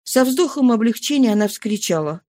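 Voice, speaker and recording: Expressive woman audiobook narrator. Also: a little high, normal speed, no echo, studio quality.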